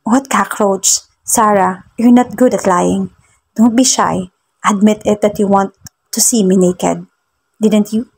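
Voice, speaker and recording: A woman's voice: medium pitch, fairly even intonation, unhurried, a little mellow, husky, poor audio. Woman reading as a teasing rich husband. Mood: flirtatious.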